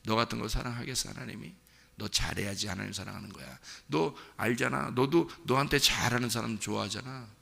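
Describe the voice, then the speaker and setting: A man's voice: medium pitch, fairly quick, gravelly, sharp tone, voice pushed down, full character voice. A male pastor voicing a sly, accusing male devil in his sermon, needling with mocking questions. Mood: taunting.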